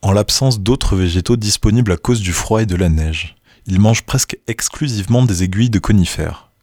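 A man reading scripted nature documentary narration in a measured, informative manner, with a husky voice. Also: on the low side, a little mellow, dry recording, clean studio sound.

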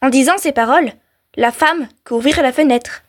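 A woman storyteller reading a folk tale aloud on the radio, in clear, measured narration. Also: sits high.

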